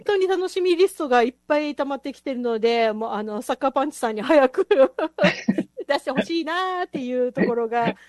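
A woman's voice: sits high, lively intonation, fairly quick, a little mellow, no echo, studio quality. A woman hosting a casual chat show, talking enthusiastically and laughing often. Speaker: host.

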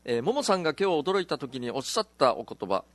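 A man's voice: mid-range voice, big pitch swings, fast, dry recording. A man hosting a casual radio chat, reading listener mail aloud with playful joking asides.

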